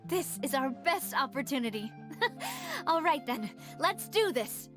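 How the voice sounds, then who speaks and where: A woman playing a spirited, determined young lady detective in a video game, animated and decisive. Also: high-pitched, slow pace, exaggerated voice. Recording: music behind the voice.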